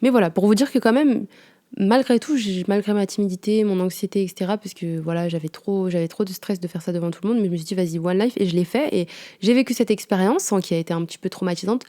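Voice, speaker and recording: A woman's voice: medium pitch, fast talker, mellow. A young woman, telling a story in a casual, slangy podcast chat with lots of fillers. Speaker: podcast host. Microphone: home podcast microphone.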